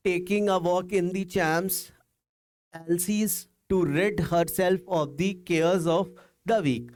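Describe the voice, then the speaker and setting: Slow, high-voiced tutor. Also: male voice. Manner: reads English lines slowly then explains in Hindi. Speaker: English tutor. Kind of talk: bilingual lesson explanation.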